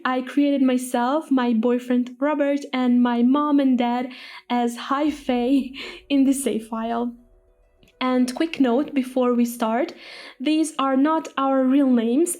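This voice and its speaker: Young woman, high-pitched and upbeat, hosting a casual game walkthrough. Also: warm tone. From Croatia. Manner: chatty and upbeat, with frequent small laughs. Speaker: Sims builder and channel host. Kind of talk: casual gameplay voice-over.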